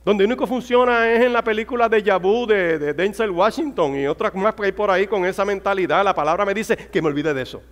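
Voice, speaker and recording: A man's voice: sits high, fast, hardly any pauses. A man, a pastor, preaching a fervent sermon that rises to exclamations. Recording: hall reverb.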